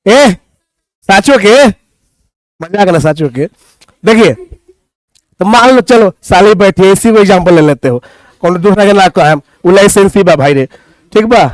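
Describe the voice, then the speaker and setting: A man with a Bhojpuri accent teaches English grammar to a class, teasing his students playfully and reciting verse along the way. His voice is high and expressive, moving at a measured pace with frequent pauses, and there's no room sound.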